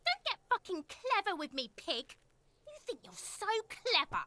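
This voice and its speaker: Shrill paranoid hostile woman. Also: wildly swooping pitch, a little slow, pushed and bright, slight background noise, full character voice. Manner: shrill, spiteful, accusing.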